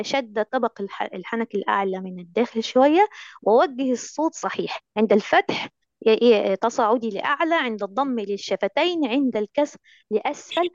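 A woman's voice: medium pitch, creaky, darkish tone, no echo, highs cut off. A woman teacher with an Egyptian Arabic accent, coaching recitation in an online lesson, coaxing and affectionate, full of endearments.

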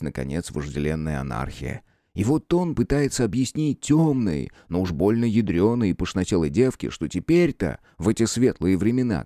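A male audiobook narrator reads a scripted story in an expressive, wry storytelling style. His voice is lowish, captured in studio quality with no room sound.

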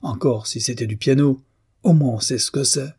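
A man's voice: medium pitch, normal speed, dark tone, breathy edge, pitched above the performer's own voice. A man voicing an irate older landlady who scolds her tenants in a raised, indignant voice. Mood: scolding.

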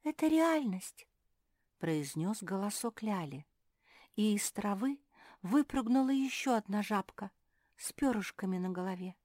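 A woman narrating a children's storybook chapter in a slow, expressive, sing-song way. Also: mid-range voice, no room sound, clean studio sound.

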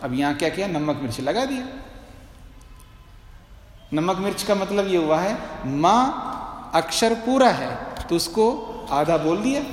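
High-voiced man lecturing in an echoing hall. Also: big pitch swings, a little hiss or hum. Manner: patient, repeats sutras slowly syllable by syllable, checks understanding. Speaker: swami teaching philosophy. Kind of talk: classroom lecture on scripture. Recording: roomy hall reverb.

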